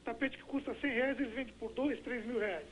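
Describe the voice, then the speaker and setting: Fast high man with São on the phone. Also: dull audio, a little hiss or hum. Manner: talkative, explains at length. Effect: heard over the phone. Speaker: caller. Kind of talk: call-in opinion.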